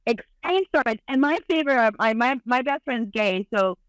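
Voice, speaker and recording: A woman's voice: on the high side, animated, moderate pace, clear, resonant tone, no echo, poor audio. A woman guest on a podcast, chatting candidly in a rambling, bawdy, giggly way. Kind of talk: candid casual chat.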